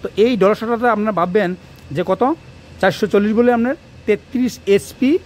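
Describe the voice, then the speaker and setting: A high-voiced man explains electrical wiring straight to the camera, rambling quickly and saying things more than once as his hands stay busy. The audio comes from a phone propped nearby and carries faint background noise.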